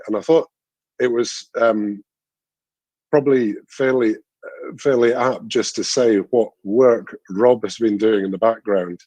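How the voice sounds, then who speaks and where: A man chatting on a charity livestream, halting and full of dry self-deprecating humour. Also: on the low side, mellow, dry recording. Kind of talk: casual video-call chat.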